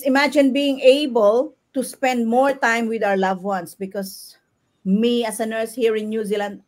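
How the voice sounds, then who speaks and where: A woman hosting a casual live stream from her home, chatting warmly with Filipino fillers. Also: medium pitch. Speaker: host. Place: home in New Zealand.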